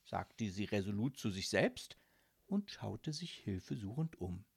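A man narrating a children's audiobook in an expressive storytelling manner. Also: fairly low pitch, unhurried, vocal fry, slightly rough. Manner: warm storytelling, varied and expressive.

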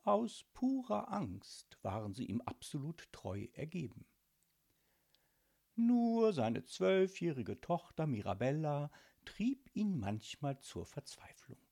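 A man reading a children's storybook aloud with slow, theatrical narration. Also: a little high, very animated, creaky, warm tone, slightly rough.

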